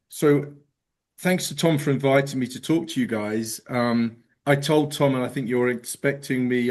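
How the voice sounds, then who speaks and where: English guy, middle-aged, doing a chatty presentation over a video call, lots of ums. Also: medium pitch. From England. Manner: casual, quick self-deprecating humor, frequent ums. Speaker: guest presenter. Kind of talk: remote presentation at a meeting.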